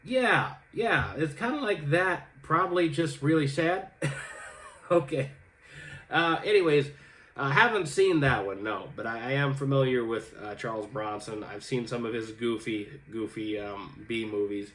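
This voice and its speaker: A man's voice: medium pitch, moderate pace, fairly bright tone. A young man talks casually through viewer comments, wandering off on tangents. He stumbles over his words often, with plenty of ums and restarts. He pokes fun at himself along the way. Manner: chatty, self-deprecating, full of fillers and restarts. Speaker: host reading viewer comments. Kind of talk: casual rambling chat.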